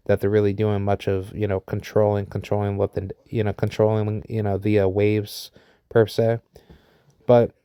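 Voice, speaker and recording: A man in his thirties from the United States talks his way through an opinion in a low, mellow voice that stays fairly level. His speech wanders, full of fillers and restarts, and his tone is smooth and resonant. The sound is close and dry. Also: no room sound. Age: 30s. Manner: rambling, heavy with fillers and restarts. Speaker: vlogger sharing opinions. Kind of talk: unscripted opinion monologue.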